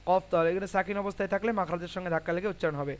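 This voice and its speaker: A man teaching Quran recitation in an online class, spelling out syllables slowly and asking students questions. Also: high-pitched, fairly even intonation. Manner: patient, asks students questions.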